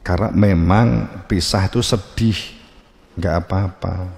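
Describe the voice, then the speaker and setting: A man with a Javanese accent gives a religious lecture at a slow, unhurried pace, joking and acting out little scenes. His low voice is gravelly and mellow. The sound rings with a long reverb, as in a large hall. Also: steady tone. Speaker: religious teacher.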